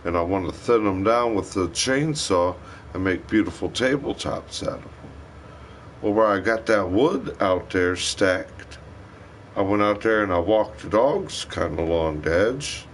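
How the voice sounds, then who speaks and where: Rambling low-voiced man on a livestream. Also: unhurried, slight background noise. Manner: rambling, profane storytelling. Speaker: livestream host. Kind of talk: casual livestream chat.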